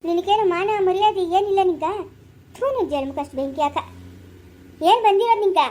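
A woman's voice: extremely high pitch, lively intonation, brisk. A woman playing a furious village wife. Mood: angry. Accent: rural Karnataka Kannada. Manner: loud berating, wailing curses. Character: furious scolding village wife, sharp-tongued. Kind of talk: amateur village family skit.

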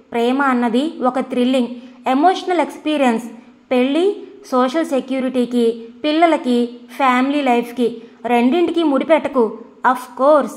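A woman voicing a glib, dismissive young male student who lectures and talks down. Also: high voice.

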